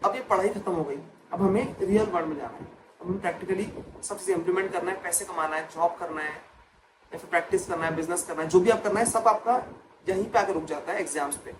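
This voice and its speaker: Young man, high-pitched, emotional personal vlog, repeats phrases, mixes in English, noisy recording. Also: fast talker. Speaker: chartered accountant and exam coach. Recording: noisy background.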